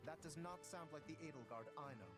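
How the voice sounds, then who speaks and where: A man's voice: a little high, fairly quick, fairly bright tone, soft background music. An actor playing a proud, formal young male noble in a video game, speaking pompously. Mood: grave.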